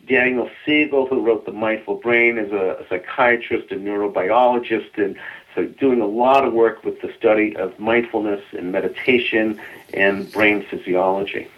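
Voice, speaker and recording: Man, Boston accent, lowish voice, earnest, restarts sentences, tinny phone line. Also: fairly even intonation, moderate pace. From Boston area, US. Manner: earnest, repeats words when starting sentences. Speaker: mindfulness expert guest. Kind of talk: radio interview.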